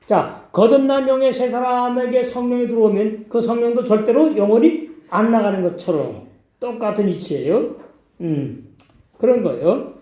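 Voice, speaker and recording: A male pastor preaches in a high, mellow voice, pressing his points with emphatic questions and short affirmations. The sound is roomy, with noticeable echo. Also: normal speed. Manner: emphatic, repeats "예" and questions to the congregation. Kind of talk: sermon.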